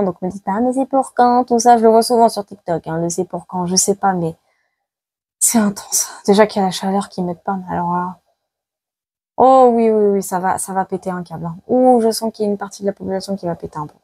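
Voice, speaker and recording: In a live tarot prediction video, a woman psychic with a warm, mid-range voice talks briskly, making dramatic predictions during a card reading. She repeats herself with many exclamations and sounds worn out by the heat, with no room sound in the recording.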